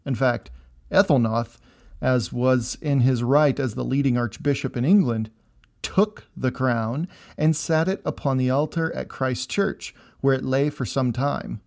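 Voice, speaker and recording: A man narrates history for a podcast, scripted but loose and conversational. He drops dry, wry asides as he goes. His voice sits at an ordinary middle pitch. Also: measured pace, vocal fry, darkish tone.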